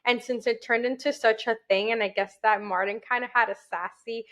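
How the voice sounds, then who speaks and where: A young woman co-hosts a podcast in a chatty, animated way. Her voice sits a little high, and she laughs easily between stories. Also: fairly quick. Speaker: podcast co-host. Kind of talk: casual chat.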